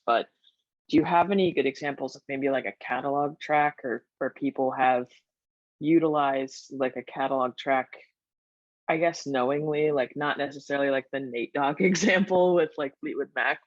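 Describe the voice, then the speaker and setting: A man interviewing in a casual webinar discussion over a video call, relaxed and peppered with filler words. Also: medium pitch, no room sound, dull audio.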